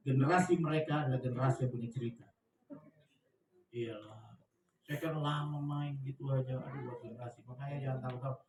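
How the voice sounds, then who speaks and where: A man's voice: mid-range voice, fairly even intonation, fairly quick, roomy sound, far from the mic, background noise. A man preaching as a pastor in a church, chatty and joking, with slangy asides and laughter. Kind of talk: lively conversational sermon.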